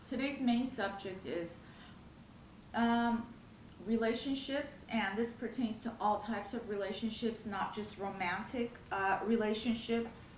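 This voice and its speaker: A woman's voice: fairly high pitch, steady tone, a little slow, roomy sound, a little hiss or hum. A woman chatting casually in a vlog while eating, earnest and rambling, sometimes talking with her mouth full. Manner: earnest, rambling, spiritual musing. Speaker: mukbang vlogger. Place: home, at a glass table.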